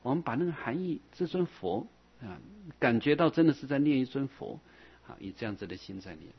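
A man teaching a Buddhist lecture in a patient, repetitive way, often trailing his phrases with a drawn-out "ah". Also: medium pitch, expressive, slightly rough, dull audio. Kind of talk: dharma lecture.

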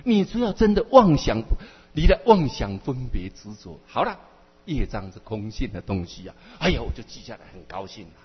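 A man teaching as a Buddhist teacher, telling a sermon story in an animated way and often checking with his listeners, heard in a dull, echoey hall recording. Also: medium pitch, normal speed, a little hiss or hum. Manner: animated storyteller who often asks the audience "right?".

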